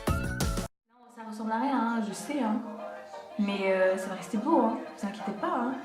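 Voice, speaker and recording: Female beauty vlogger, casual and halting, slightly high voice, boomy room sound with soft music behind. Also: expressive. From France. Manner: hesitant, chatty, many fillers. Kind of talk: casual talk to camera. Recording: echoey room, mic at a distance.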